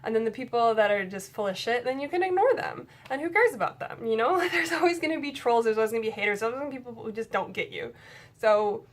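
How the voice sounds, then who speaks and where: A young woman talking casually to camera about writing, frank and chatty, swearing now and then. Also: mid-range voice. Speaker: writing vlogger.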